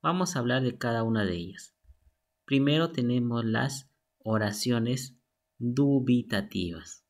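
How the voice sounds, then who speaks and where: A man teaching a lesson from slides, methodical and reading examples aloud. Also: mid-range voice. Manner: slow, methodical, reads out examples. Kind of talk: slide lesson on sentence types.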